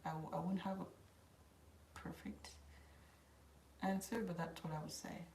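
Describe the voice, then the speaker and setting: This hair-channel host, raised in Kenya but originally South Sudanese, fields viewer questions on her livestream, switching freely between Swahili and English. Her East African-accented voice is fairly low, unhurried and fairly even, heard in an echoey room with light background noise.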